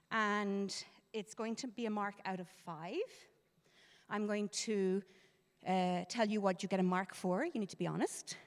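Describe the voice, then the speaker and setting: Irish woman teacher leading a lively talk for parents, easy laughter, average pitch, recorded with long reverb in a school hall. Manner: lively, chatty, laughs easily. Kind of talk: interactive presentation.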